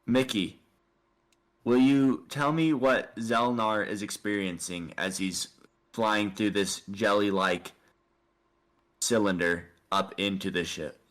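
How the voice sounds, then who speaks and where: A man narrating a tabletop space adventure as game master, in a slow, deliberate way with pauses. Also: on the low side, fairly bright tone. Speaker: dungeon master.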